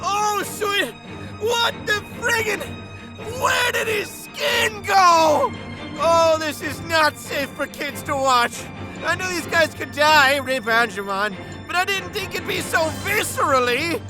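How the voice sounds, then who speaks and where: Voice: very high voice, takes it slowly, low-quality recording. An actor voicing a brash, whiny, panicky boy hero in a melodramatic cartoon parody dub, over music. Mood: shocked. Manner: melodramatic, stammering when nervous. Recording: music behind the voice.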